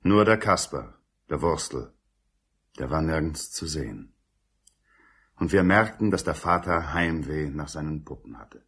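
A man's voice: a bass voice, animated, measured pace, long pauses, a bit bright, slightly rough, heavily acted. A man playing a narrator who recounts his family's past in scripted audio drama narration. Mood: grave, wistful.

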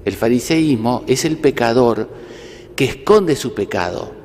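Male priest, relaxed homily with asides and dry humor, long church-hall reverb. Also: mid-range voice, measured pace, a little hiss or hum. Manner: conversational, with asides and rhetorical questions; gently humorous.

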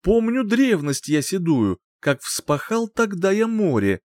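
A man doing a shrill, boastful young hothead. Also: sing-song, a little mellow, no echo, clean studio sound. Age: young adult. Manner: boastful, shrill, quick to rage. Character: boastful hot-tempered young male rival.

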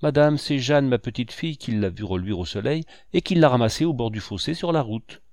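A man's voice: mid-range voice, animated, fairly quick, darkish tone, no echo, studio quality, lightly acted. A man voicing a poor, honest young mother who speaks humbly in a storybook reading. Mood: grateful. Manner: humble, pleading.

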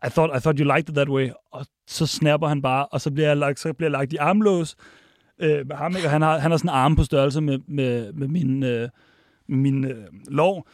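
A man recounts restaurant work in a lively, halting way, restarting and acting out quotes. His voice sits a bit high and sounds dry and close. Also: dry recording. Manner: animated, restarts, acts out quotes. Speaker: podcast guest, restaurant worker. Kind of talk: casual storytelling.

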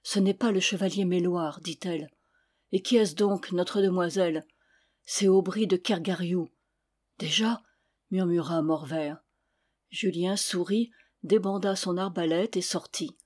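Low-voiced woman reading a novel aloud. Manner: even, measured reading with quoted dialogue. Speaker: audiobook reader. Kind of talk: scripted narration of a historical novel.

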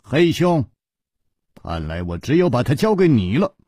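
A man voicing a calm, wry gallant hero in a traditional storytelling performance. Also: medium pitch, normal speed, slightly rough, no echo, clean studio sound. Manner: wry, composed, gently teasing.

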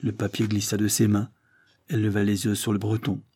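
Low husky male audiobook narrator. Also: completely flat delivery, mellow. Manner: measured, dramatic reading. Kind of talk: reading a 19th-century novel aloud.

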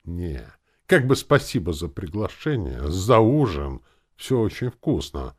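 Guy doing a sneery hothead gambler, loud and pitched up. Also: very animated, a little slow, breathy edge, full character voice. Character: mocking hot-headed young male gambler. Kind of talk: audiobook character voice.

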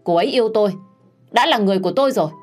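A woman's voice: fairly low pitch, quick pace, soft background music, close to an everyday voice. A woman voicing a hot-tempered young man of the house who snaps defensively at his mother. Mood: irritated. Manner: snapping, defensive.

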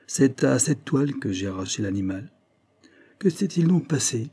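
A man's voice: mid-range voice, lively intonation, moderate pace, dark tone, slightly rough. A man voicing an emphatic male investigator who lays out the truth of a crime, his voice raised and pressing. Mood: triumphant. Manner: emphatic, probing, raised and tense. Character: sharp, insistent male investigator unveiling a crime.

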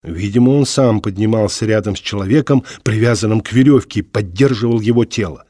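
A man reading an audiobook in a measured, dramatic manner. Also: fairly low pitch, dark tone, dry recording, clean studio sound. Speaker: audiobook narrator. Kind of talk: scripted narration.

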